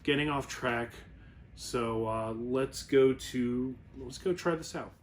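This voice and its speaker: Speaking slowly in a mid-range voice, a man gives a wine review in a loose, rambling explainer manner. He's informal and frequently corrects himself.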